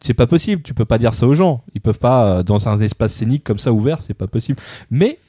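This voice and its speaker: Male co-host, animated, teasing, dry close mic. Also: medium pitch, fast talker, husky, no echo. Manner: teasing, joking. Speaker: podcast co-host. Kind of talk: casual roundtable chat.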